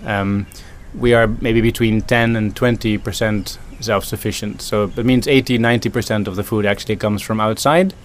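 A man's voice: mid-range voice, a little hiss or hum. A man from the Netherlands, a food system consultant answering interview questions thoughtfully, with many ums and restarts.

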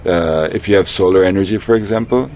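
A man's voice: sits low, fast talker. A man from Ecuador being interviewed, speaking thoughtfully with many fillers and restarts. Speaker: interviewee, engineer and dance teacher. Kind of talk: casual interview. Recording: outdoor noise with loud crickets. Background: loud crickets and insects.

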